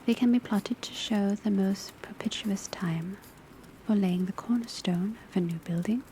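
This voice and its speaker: Rain patters on a rooftop, a fire crackles, and a pencil scratches as a woman whispers a lecture in a closely recorded ASMR roleplay. Playing a teacher of divination at a witch school, she uses a lightly acted, medium-pitched voice that stays soft, breathy, measured, and calmly instructive.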